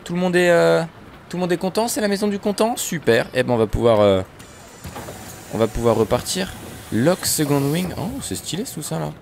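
A man's voice: brisk, gravelly, a little hiss or hum. Joking young French gamer man. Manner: animated and joking, pitch jumps up when excited. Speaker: gaming video creator. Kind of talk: casual gameplay commentary.

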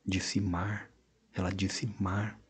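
A man voicing an anxious, loving father of a mute girl in an audiobook story, speaking in a soft, pleading way. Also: deep voice, level tone, extremely slow. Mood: overjoyed.

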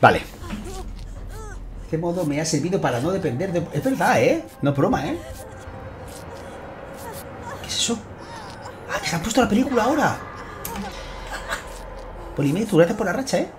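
A man with a Spain Spanish accent giving chatty, excitable live gameplay commentary, swearing and thanking his viewers. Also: high-pitched, normal speed, long pauses, over music. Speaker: gaming streamer.

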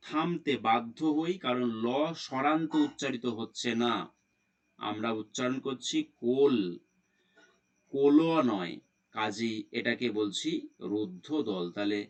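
A male teacher giving an exam-prep grammar lesson, explaining step by step and putting questions to the class before answering them himself. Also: mid-range voice.

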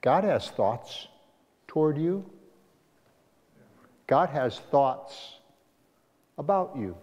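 Teaching Sabbath school in a church sanctuary, a male pastor speaks very slowly in a voice that sits on the high side and sounds darkish, yet is very animated. He chats with the class and asks them questions. The church hall recording is dull and echoey.

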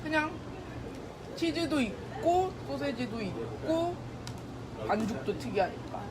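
큰 소음 속에서 말하는 여성. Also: female voice, high-pitched, sing-song, slow pace. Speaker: mukbang guest. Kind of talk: casual chat while eating. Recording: very loud background noise.

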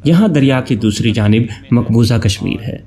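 A man from Pakistan, giving a steady, informative travel-guide voice-over that lists places one by one. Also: medium pitch, moderate pace, creaky. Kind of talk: scripted travel narration.

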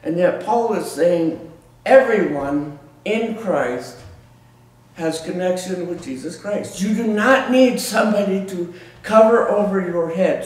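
A middle-aged man preaching a sermon in a small church, emphatic, with frequent repeated words and restarts. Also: high-pitched. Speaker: pastor. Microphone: far room camera. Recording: echoey church room from far off.

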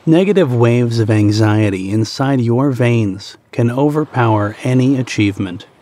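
His voice is mid-range and mellow as he leads a guided meditation. He keeps the delivery soothing and unhurried, pausing after each short phrase.

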